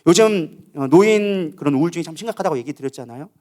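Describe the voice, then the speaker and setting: A male pastor preaching with a high voice that runs fast. He presses hard on key phrases, acts out troubled inner voices, and keeps asking his congregation questions. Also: lively intonation, a little mellow. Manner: emphatic, acts out inner voices with rising pitch. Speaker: co-lead pastor. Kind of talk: sermon at a prayer meeting.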